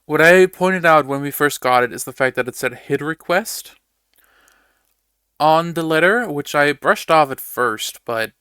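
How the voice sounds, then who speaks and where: A man's voice: a little high, animated, a little slow, bright, forceful tone, smooth, dry recording, clean studio sound. A man chatting casually to his audience while streaming a game, rambling, laughing often and swearing now and then. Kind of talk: casual gameplay chat.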